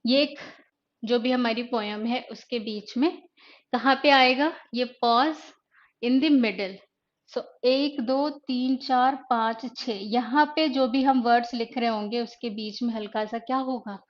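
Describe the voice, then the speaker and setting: A woman English teacher giving an online exam-prep lecture. She mixes Hindi and English and explains by asking questions and then answering them herself. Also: fairly high pitch. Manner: reads poetry slowly and deliberately. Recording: dull lo-fi online class audio.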